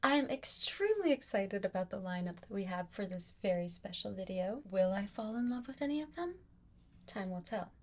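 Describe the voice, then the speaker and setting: A woman's voice: mid-range voice, expressive, fairly quick, darkish tone, a faint crowd, a little hiss or hum. A young woman presenting a reading vlog to camera in an upbeat, playful, giggly way. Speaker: book vlogger. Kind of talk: scripted vlog talk to camera.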